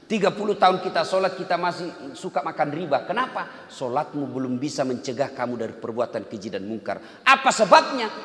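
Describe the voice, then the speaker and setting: Animated preacher in an echoing hall. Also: male voice, a little high. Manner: animated, swings between loud emphatic lines and soft drawn-out chanting. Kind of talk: sermon. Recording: echoey hall with long reverb.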